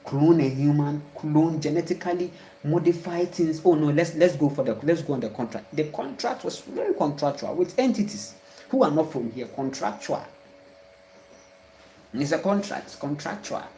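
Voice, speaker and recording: A woman's voice: deep voice, animated, moderate pace, dark tone, roomy sound, a little hiss or hum, rough recording. A woman with a Ghanaian accent giving a rambling spiritual monologue, repeating herself and dropping in emphatic exclamations. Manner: repetitive, emphatic, full of exclamations. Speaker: spiritual speaker.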